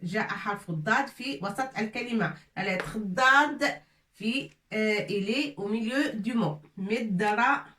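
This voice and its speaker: A woman teaching a language lesson slowly and patiently, repeating each word and asking her viewers questions. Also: medium pitch, pushed and bright, roomy sound, distant mic, slight background noise. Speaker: Arabic teacher.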